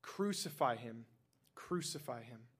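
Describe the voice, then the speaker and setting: A man reading the shouts of an angry crowd of leaders in a scripture reading, in an emphatic, raised voice. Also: mid-range voice, expressive, unhurried.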